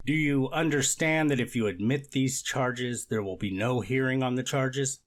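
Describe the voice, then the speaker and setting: In an amateur readers theater courtroom drama, a man reads the part of a formal, methodical court official. His mid-range, natural voice moves at normal speed, with a procedural, authoritative tone.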